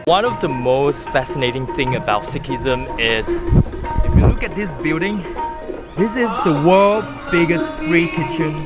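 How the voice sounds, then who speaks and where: A man's voice: on the high side, unhurried. A man from Malaysia with a Malaysian English accent, narrating a travel vlog as he walks around a busy temple site, explaining eagerly like a tour guide. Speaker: travel vlogger. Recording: loud music over outdoor sound.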